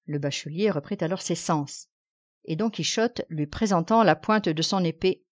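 A woman narrating an audiobook with a measured, expressive reading. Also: lowish voice. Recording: dull lo-fi recording.

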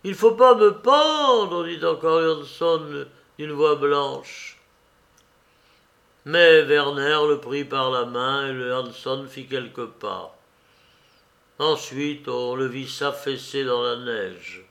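A man narrating a literary novel as an audiobook in a slow, measured reading. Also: mid-range voice, steady tone, vocal fry, a bit bright.

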